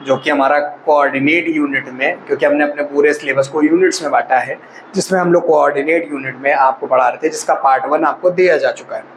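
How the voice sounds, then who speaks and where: A man's voice: medium pitch, slight background noise, low-quality recording. A male maths teacher explaining a lesson to students. He asks them questions and answers them himself, and calls them brother or child.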